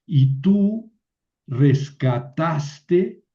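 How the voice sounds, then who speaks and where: A man teaching a biblical Hebrew class, explaining slowly with many fillers and restarts. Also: fairly high pitch, animated, warm tone, dull audio. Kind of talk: online class lecture.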